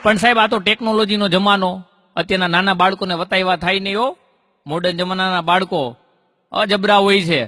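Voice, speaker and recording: A man's voice: high-pitched, fairly even intonation, brisk, sharp tone, long reverb tail, a faint crowd. A man doing folk stand-up comedy, telling stories with punchlines and rhyming couplets.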